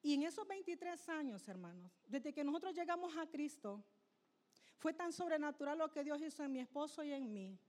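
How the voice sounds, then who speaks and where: Woman, 50s, from Honduras, pastor's wife, high voice, earnest church testimony. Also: lively intonation, normal speed, darkish tone. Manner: emotional, earnest, addresses listeners as brothers.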